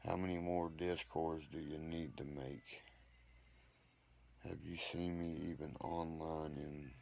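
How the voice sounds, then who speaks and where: A man with a very low, gravelly voice rambles on his own livestream, cursing and bragging as he answers viewers. Faint background noise sits under his phone or webcam audio. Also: level tone, slow pace, darkish tone. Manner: profane, boastful, ranting; reads and answers viewer comments. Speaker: livestream host.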